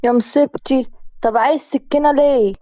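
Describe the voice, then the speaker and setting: A woman's voice: high voice, steady tone, a little fast, mellow, no echo, dull audio, natural voice. A woman with an Egyptian accent voicing a frightened young village woman who frets with constant exclamations. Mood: fretful. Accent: Egyptian Arabic. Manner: fretful exclamations.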